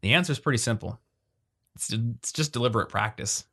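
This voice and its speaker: A man co-hosting a podcast, chatting casually and quickly, reading listener questions aloud. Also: medium pitch, fairly bright tone. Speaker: podcast co-host.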